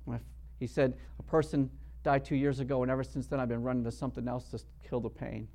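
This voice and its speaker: Preaching a sermon, a male pastor talks fast with a flat delivery at medium pitch. He acts out quotations, alternates quiet narration with loud bursts, and keeps repeating words when he restarts.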